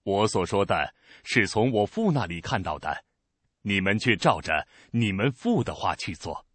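Earnest, firm male teacher, read by a man with lively, solemn delivery. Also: fairly low pitch, moderate pace, husky, no echo. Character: calm, authoritative male teacher.

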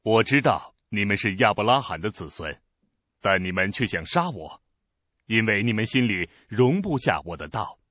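A man's voice: lowish voice, big pitch swings, moderate pace, fairly bright tone, no room sound. A man reading as Jesus, earnest and firm. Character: calm, authoritative male teacher.

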